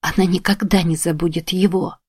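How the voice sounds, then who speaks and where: A woman narrating a fantasy audiobook in a steady, even storytelling voice. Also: fairly low pitch, brisk, breathy edge, dry recording, clean studio sound. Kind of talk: scripted narration.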